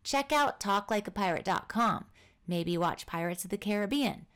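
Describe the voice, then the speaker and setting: A woman's voice: mid-range voice, lively intonation, moderate pace, fairly bright tone. A woman hosting her own podcast, reading a scripted, upbeat and encouraging introduction. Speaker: podcast host and founder.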